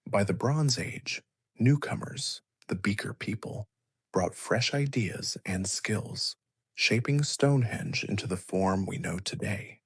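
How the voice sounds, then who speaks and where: A man narrating a scripted bedtime story as a sleep story narrator, in a soothing, measured, hushed delivery. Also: lowish voice, slightly rough, no echo, studio quality.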